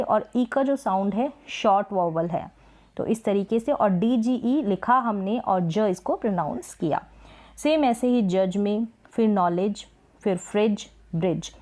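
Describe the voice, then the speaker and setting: Mellow-voiced woman teaching spelling. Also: mid-range voice. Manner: patient, repeats words slowly for practice. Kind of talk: Hindi-language spelling lesson.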